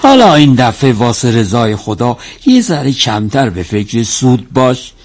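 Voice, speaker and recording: A man's voice: medium pitch, big pitch swings. An actor playing a devout, kindly man who pleads in a familiar drama-dialogue way, full of blessings. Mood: earnest, coaxing. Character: devout, kindly, persuasive errand man helping charity.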